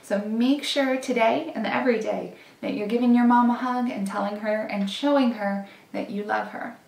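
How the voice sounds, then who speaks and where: A young woman giving a gentle, encouraging Bible lesson to children, seated at a table in a small room. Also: on the high side, steady tone, moderate pace, gravelly, distant mic. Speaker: children's church teacher. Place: small indoor room, seated at a table before a plain wall. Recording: echoey room.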